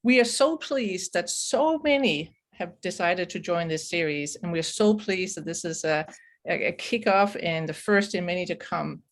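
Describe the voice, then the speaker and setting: A woman's voice: fairly low pitch, expressive, normal speed. A woman from Denmark with a Danish accent, facilitating a video call and inviting chat responses.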